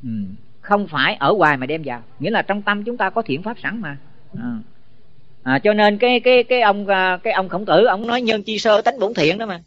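A man's voice: high-pitched, animated, brisk, fairly bright tone, dry recording. A man, a Buddhist monk teacher giving a folksy dharma talk to monks, often asking them questions. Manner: folksy, asks listeners questions. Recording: dull lo-fi recording.

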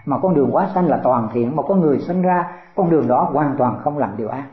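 A man's voice: medium pitch, expressive, brisk. An older man, a Buddhist teacher giving a folksy dharma talk to disciples, full of rhetorical questions. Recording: echoey room over a tinny phone-like line.

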